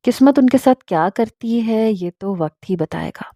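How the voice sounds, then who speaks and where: A woman narrating a family story in a calm, even way. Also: on the high side, normal speed, dry recording, studio quality.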